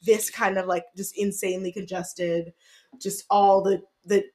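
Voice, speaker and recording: Woman podcast co-host, stuffy nose, chatty and rambling, mid-pitched. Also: a little slow. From Michigan. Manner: rambling, animated, many fillers. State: congested, sniffling. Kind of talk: casual chat recap.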